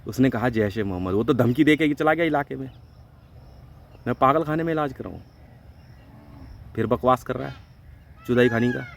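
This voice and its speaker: A man from India ranting angrily and swearing heavily in a vlog, jumping between loud outbursts and low mutters. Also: moderate pace, creaky, long pauses. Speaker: vlogger. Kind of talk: angry profane rant to camera.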